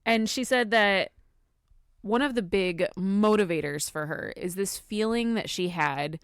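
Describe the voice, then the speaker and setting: A woman's voice: mid-range voice, measured pace, clear, resonant tone, no room sound, studio quality. A woman hosting a podcast, recapping in an informal, giggly, chatty way. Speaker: podcast host. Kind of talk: casual chat, recapping a talk.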